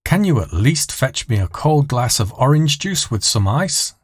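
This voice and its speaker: A man's voice: mid-range voice, sing-song, unhurried, slightly rough, no echo, clean studio sound, pitched above the performer's own voice. A man voicing a prim, fussy British woman passenger who complains bitterly in an audio story. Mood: complaining.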